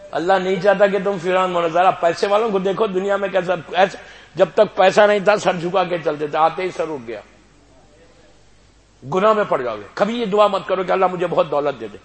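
A man whose voice sits high preaches a sermon, narrating a religious story that veers from soft and hushed to loud and exhorting.

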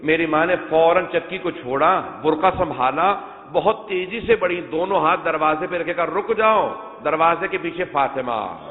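Recounting old narrations and frequently addressing the congregation, a high-pitched Shia preacher gives an emotional mourning sermon with hardly any pauses. His voice echoes with long hall reverb and sounds thin and tinny, as if over a phone.

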